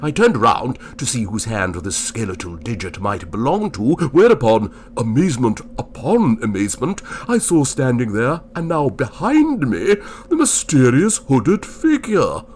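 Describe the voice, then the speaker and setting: A man playing a pompous gentleman ghost. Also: medium pitch, wildly swooping pitch, a little slow, a little hiss or hum. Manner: wordy, pompous and politely bemused. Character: genteel, fussy middle-aged English gentleman ghost. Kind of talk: first-person storytelling and acting.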